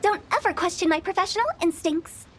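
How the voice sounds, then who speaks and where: A woman's voice: very high voice, brisk, noisy background. An actress playing a mischievous, self-assured young woman who runs a funeral parlor, teasing and giggly. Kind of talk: video game voice acting.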